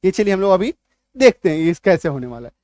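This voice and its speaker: Man teaching, quizzing with quick questions. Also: high-pitched, big pitch swings, mellow, dry recording. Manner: repeats points and quizzes the listener with quick questions; drills word lists aloud, one word at a time. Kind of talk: spoken classroom lesson.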